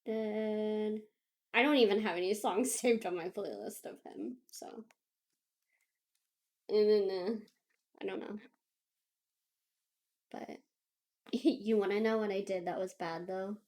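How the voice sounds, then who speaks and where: A young woman co-hosting a podcast, telling a story in casual chat, animated, laughing often and acting out what others said. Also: mid-range voice, slow, long pauses. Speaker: podcast co-host.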